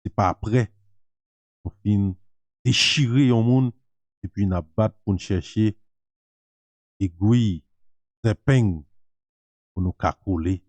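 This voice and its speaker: A man, hosting and giving reflective, measured commentary and repeating key phrases. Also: on the low side, darkish tone, no echo.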